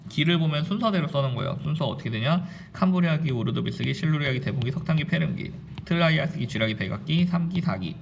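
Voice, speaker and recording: A middle-aged male high school science teacher lecturing at a whiteboard, chanting mnemonics in a rhythmic, sing-song way.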